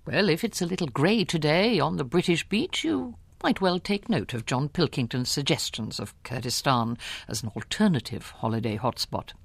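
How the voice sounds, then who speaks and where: A male radio presenter wraps up his programme with a scripted sign-off. His voice is slightly high and gravelly, with an animated, lilting melody. The recording is dry and close, with no room sound. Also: no echo. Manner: brisk, polished announcer delivery.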